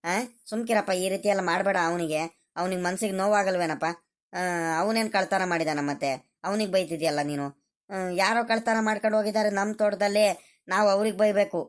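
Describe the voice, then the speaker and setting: A woman voicing a gentle grown child of a village family in a cartoon, a peacemaker. She speaks in a pleading, soothing way, repeating her calls. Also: medium pitch, steady tone, a little fast, lightly acted. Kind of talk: cartoon voice acting.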